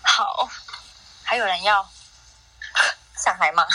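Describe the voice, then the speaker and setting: A woman's voice: mid-range voice, slow, pushed and bright, dry recording, rough recording. A woman Montessori teacher co-hosting, chatting curiously with guests. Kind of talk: casual chat.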